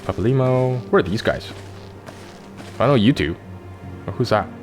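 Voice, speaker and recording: A man's voice: medium pitch, animated, moderate pace, soft background music. A man hosting a let's play, chatting casually and cracking jokes while he thinks aloud. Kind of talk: casual gameplay commentary.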